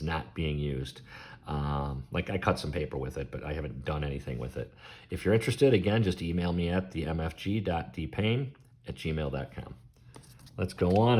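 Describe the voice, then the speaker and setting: A man showing and selling knives from his collection in a relaxed, chatty vlog, with frequent ums and admiring remarks. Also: low-pitched. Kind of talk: casual show-and-tell sales vlog.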